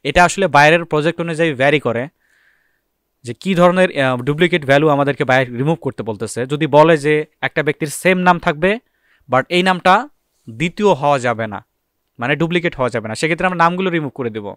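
A man's voice: fairly high pitch, fast talker, fairly bright tone, smooth, no echo, clean studio sound. A man teaching a screen-recorded data entry tutorial, explaining step by step and answering his own questions.

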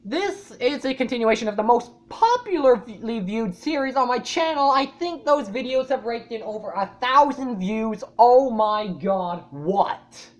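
A woman YouTuber giving casual reaction commentary, rambling and swearing often, with loud startled outbursts. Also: a little high, lively intonation, measured pace, few pauses. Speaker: YouTuber reacting to a fan animation.

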